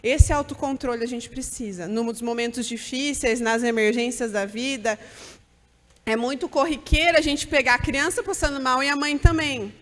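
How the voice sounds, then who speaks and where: High-voiced woman speaking in church. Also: normal speed, fairly bright tone, big-room sound. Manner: earnest, direct, advising. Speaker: church speaker at a mothers' gathering. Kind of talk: church talk to mothers.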